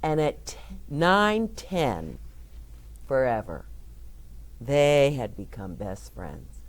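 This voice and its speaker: A children's storyteller reads a picture book aloud very slowly and without hurry, her low voice swooping up and down a lot in a very animated way. She stops now and then to explain words and gently ask her young listeners questions.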